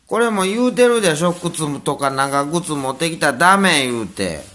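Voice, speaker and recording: A middle-aged man with a Kansai accent, talking to and scolding his pet dog in a casual, drawn-out way. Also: on the high side, sing-song. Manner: slow, drawn-out scolding of a pet, half soft, half raised. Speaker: dog owner.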